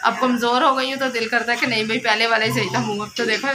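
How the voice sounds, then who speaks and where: Chatty woman vlogger, loud background noise. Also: a little high, steady tone, fast. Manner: chatty, rambling storytelling. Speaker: vlogger, mother. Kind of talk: casual home vlog chat.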